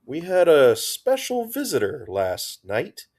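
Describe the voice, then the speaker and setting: A man's voice: on the high side, huge pitch swings, takes it slowly, a little mellow, voice pushed up, exaggerated voice. A man voicing a sardonic woman major leading a military squad, speaking drily. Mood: wry.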